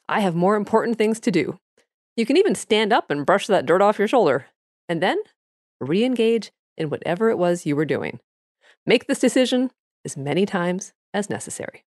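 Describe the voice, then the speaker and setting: A woman's voice: fairly low pitch, dry recording, clean studio sound. A woman hosting an advice show, reading scripted practical tips in a conversational, explanatory manner. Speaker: podcast host giving psychology advice.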